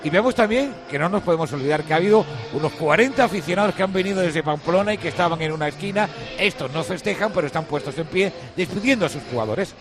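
A man's voice: a little high, animated, quick pace, over music. A man with an accent from Spain reporting live from the touchline of a football match. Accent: Spanish from Spain.

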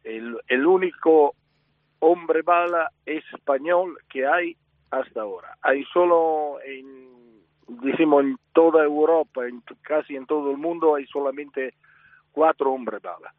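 A Spanish man raised in Italy, speaking with an Italian accent as a circus manager interviewed by phone, halting and repeating words. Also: on the high side, no room sound. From Spain, raised in Italy. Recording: dry tinny phone line.

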